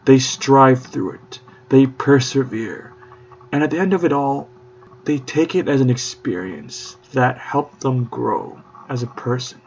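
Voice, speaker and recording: A man's voice: medium pitch, lively intonation, a little slow, slight background noise. A young man hosting a podcast in a mock-courtly style, grandiose and theatrical with playful old-fashioned flourishes. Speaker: podcast host. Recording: dull lo-fi recording.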